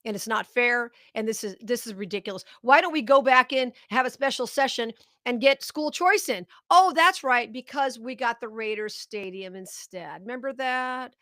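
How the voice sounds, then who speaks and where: A woman's voice: on the high side, moderate pace, few pauses, bright, forceful tone, no room sound, clean studio sound. A middle-aged woman hosting a live political commentary show, talking straight to her viewers with indignant, sarcastic outrage.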